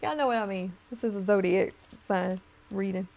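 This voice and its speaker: A woman's voice: medium pitch, normal speed, gravelly, darkish tone. A woman tarot reader talking casually to her viewers as she turns cards, chatty and playful, breaking into laughs between points.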